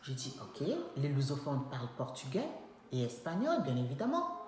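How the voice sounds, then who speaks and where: A young woman tells a personal story in an animated, emphatic way, acting out what people said. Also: a bass voice, normal speed. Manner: animated, emphatic, acts out dialogue. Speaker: vlogger telling a personal story. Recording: very echoey room with faint background noise.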